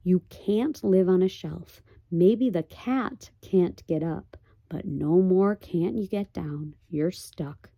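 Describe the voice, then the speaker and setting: A woman voicing a weary, plain-spoken tiny borrower father who talks in a flat, expressionless way. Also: lowish voice, takes it slowly, gravelly, dry recording, lo-fi sound, heavily acted. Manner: flat, expressionless, rustic grammar.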